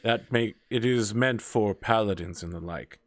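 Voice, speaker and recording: Low-voiced male game master. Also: moderate pace, dry recording, studio quality. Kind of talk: narrating a tabletop game.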